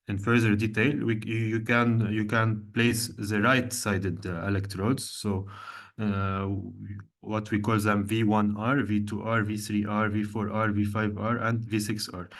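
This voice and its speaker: Low steady guy from lebanon teaching a medical class over a video call, lots of uhs, pretty monotone. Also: unhurried. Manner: hesitant, many fillers, methodical explaining. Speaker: cardiologist lecturer. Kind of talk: online medical lecture with slides.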